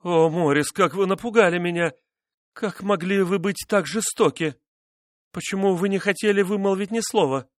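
A man's voice: moderate pace, hardly any pauses, dry recording, clean studio sound, lightly acted. Man voicing a frightened pleading noblewoman. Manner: high, pleading, tearful. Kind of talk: audiobook character reading.

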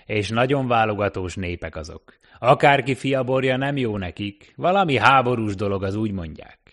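A man voicing a gruff, talkative middle-aged male cab driver in an audiobook reading, folksy and loud. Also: fairly low pitch, lively intonation, voice pushed up. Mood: gossipy.

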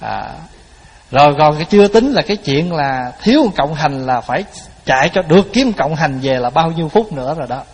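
A man's voice: on the high side, lively intonation, brisk, breathy edge. A man giving a Buddhist dharma talk, telling stories in a folksy way and addressing his listeners directly. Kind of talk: sermon. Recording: hall with long reverb.

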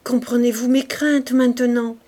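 A woman's voice: on the high side, flat delivery, a little slow, mellow, pitched above the performer's own voice, close to an everyday voice. A woman reading the lines of an anxious, tearful former hotel keeper in an audiobook, in a pleading, distressed voice.

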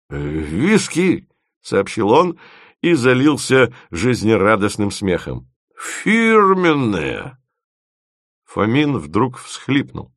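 A man narrating an audiobook in an expressive, lively reading. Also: medium pitch, no room sound, clean studio sound.

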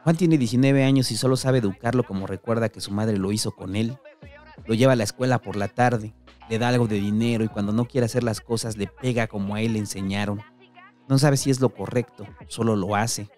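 A man's voice: lowish voice, a little fast, darkish tone, soft background music. A man with a Mexican accent reading a gritty, slang-heavy story aloud. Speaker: narrator.

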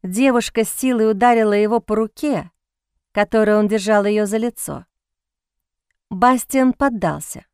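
A woman reading a romance novel aloud in an expressive, dramatic audiobook narration. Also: medium pitch, moderate pace, clear, resonant tone, no echo, studio quality.

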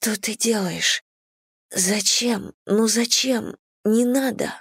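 Woman reads a headstrong young woman, pitched up, insistent and agitated. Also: moderate pace, darkish tone, no echo, studio quality, lightly acted. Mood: pleading. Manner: higher, agitated, insistent delivery. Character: young woman, tense, impatient, stubborn.

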